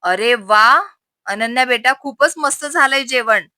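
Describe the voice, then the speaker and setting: Hearty, approving family elder, read by a woman; bright, dry delivery. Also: fairly high pitch, a little slow, no room sound. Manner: hearty, praising. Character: warm middle-aged father-in-law, approving and cheerful.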